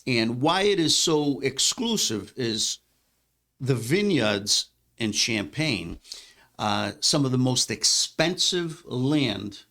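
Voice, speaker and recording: A man's voice: mid-range voice, expressive, takes it slowly, pushed and bright. Rambling male podcast host. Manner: rambling, many fillers and restarts. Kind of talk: casual wine podcast chat. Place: studio.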